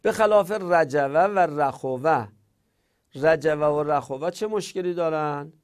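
A man's voice: on the high side, clean tone. A man teaching a grammar lesson to a class, explaining each rule step by step and answering objections he imagines his students raising.

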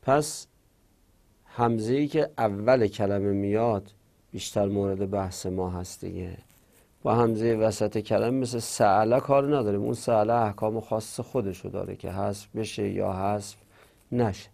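A man with a low, gravelly voice teaches a grammar lesson. His tone is dark and mellow, and he goes over each example word slowly and patiently. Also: steady tone.

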